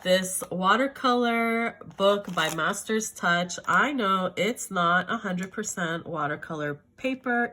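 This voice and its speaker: This art vlogger, a middle-aged Canadian woman nursing a sore throat, has a low, bright voice with a forceful tone. In a casual video she chats excitedly about her art supplies, fixing her own words as she talks.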